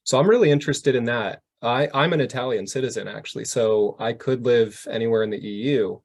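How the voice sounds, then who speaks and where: A man co-hosting a podcast, relaxed in casual chat and quick to agree. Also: mid-range voice. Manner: easygoing, frequent short agreements. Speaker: podcast co-host.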